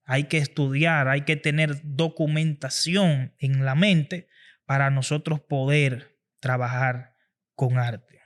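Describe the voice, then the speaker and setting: A man's voice: mid-range voice, fairly even intonation, slow pace. A man hosting a podcast, giving an earnest motivational talk on public speaking and repeating phrases for emphasis. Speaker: podcast host.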